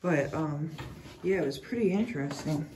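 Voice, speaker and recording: A woman's voice: low-pitched, animated, normal speed, a little mellow. A woman visiting on a tour, chatting casually and recounting things in plain everyday words. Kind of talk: casual chat. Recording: faint background noise.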